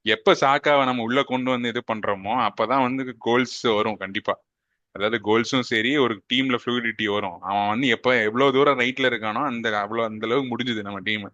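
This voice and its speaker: A man with a Tamil accent chats about football as a podcast co-host, slipping English phrases into his talk. His voice is bright and forceful. The sound is dry and a little dull. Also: medium pitch, brisk, no echo. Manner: mixes English phrases into Tamil, animated opinions. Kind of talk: casual football chat.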